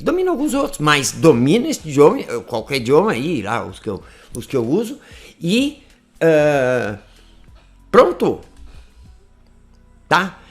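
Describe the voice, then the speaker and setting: Guy teaching online, close mic, gravelly voice that swings up and down, faint music behind. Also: medium pitch. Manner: playful, lively, often drops to a soft intimate voice. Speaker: English teacher. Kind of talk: online lesson talk. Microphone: close to the microphone.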